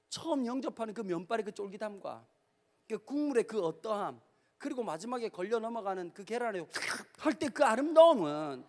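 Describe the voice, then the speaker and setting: Animated Gyeongsang pastor in an echoing hall. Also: male voice, high-pitched. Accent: Gyeongsang Korean. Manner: animated storytelling with acted voices and playful slang. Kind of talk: lively youth-camp sermon. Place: large hall at a youth camp. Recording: reverberant hall.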